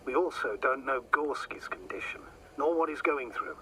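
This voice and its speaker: An actor voicing a male mission operator in a video game who talks in a measured, instructive way and thinks aloud. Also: medium pitch, pushed and bright, slight background noise, poor audio. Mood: steady. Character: steady male mission operator guiding a teammate. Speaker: remote mission operator on the radio. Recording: game audio with music under.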